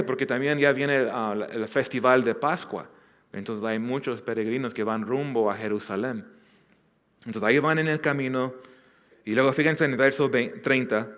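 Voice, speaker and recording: A man's voice: medium pitch, a bit bright. A man pastor teaching a Bible passage verse by verse, earnest, often restarting and repeating words. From Southern California. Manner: earnest, with many restarts and repeated words, acting out quoted lines.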